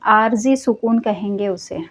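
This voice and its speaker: Slow, patient woman teaching recitation. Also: medium pitch. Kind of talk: online tajweed class explanation.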